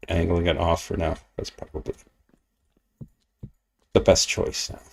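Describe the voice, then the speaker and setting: Brief: male streamer, lowish gravelly voice, rambling self-mocking gameplay chat. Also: darkish tone. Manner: rambling, self-mocking, mutters asides to himself. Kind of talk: casual gameplay commentary. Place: at home at his computer.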